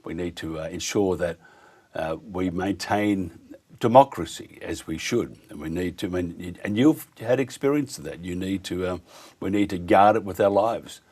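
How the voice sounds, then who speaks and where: A man hosting a conversational radio interview, speaking in a halting, rambling, opinionated way. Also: sits low, darkish tone. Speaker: radio host.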